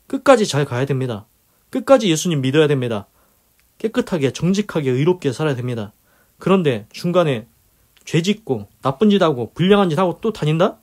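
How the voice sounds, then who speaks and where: A man preaches in an earnest, questioning way, retelling scripture in plain blunt speech. His voice sits a little high for a man. He keeps asking his listeners questions as he explains a passage. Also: a little mellow. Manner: earnest, rhetorical questions, paraphrases scripture in blunt spoken words. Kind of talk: sermon-style Bible explanation.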